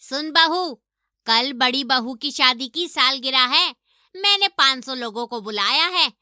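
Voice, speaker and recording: A woman voicing a harsh, domineering middle-aged mother-in-law in an animated story, taunting and scolding her daughter-in-law. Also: high-pitched, a little slow, clear, resonant tone, no echo, studio quality, full character voice.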